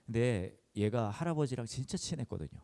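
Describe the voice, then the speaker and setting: A man's voice: medium pitch, lively intonation, brisk, vocal fry, mellow. A pastor in his forties giving a sermon, telling a personal story in an earnest, emotional way at a church service.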